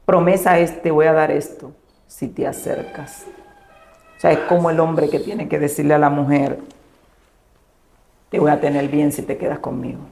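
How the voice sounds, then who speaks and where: A woman pastor, giving an emotional personal testimony and softly acting out the dialogue she recounts. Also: sits low, lively intonation, normal speed, creaky, pauses often. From Dominican Republic. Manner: storytelling, acting out quoted dialogue in a hushed voice.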